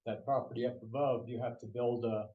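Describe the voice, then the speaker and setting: A man's voice: medium pitch, fairly even intonation, brisk, reverberant, narrow, tinny audio. An elderly man in his eighties, a property owner giving rambling, folksy testimony with restarts. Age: 80s. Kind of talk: casual testimony.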